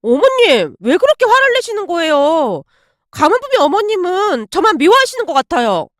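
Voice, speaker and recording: A woman's voice: very high voice, very animated, moderate pace, no echo, clean studio sound, pitched above the performer's own voice. Woman playing a pushy whiny daughter-in-law. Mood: wheedling. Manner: wheedling, pleading.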